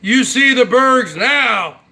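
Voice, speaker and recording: With a very high, gravelly voice that sounds pushed and bright, a man in his forties hosts his own online show. He speaks slowly but with lively intonation, chatting casually and alone to viewers, bragging brashly and ending lines with "huh?".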